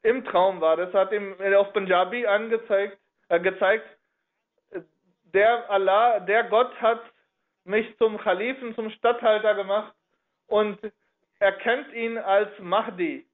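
A man telling a religious history story in a halting way, often reworking his sentences partway through. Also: high voice, fairly even intonation. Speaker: religious speaker. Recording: narrow phone-like audio.

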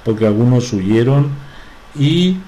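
A man giving a religious talk in a halting way, with frequent restarts and filler sounds. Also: mid-range voice, lively intonation, dark tone, a little hiss or hum, low-quality recording. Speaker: religious speaker.

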